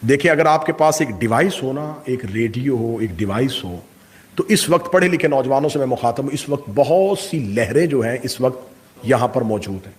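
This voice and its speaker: A man's voice: mid-range voice, lively intonation. A middle-aged man preaching a sermon to a gathering, impassioned and full of rhetorical questions. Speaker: Shia cleric giving a majlis.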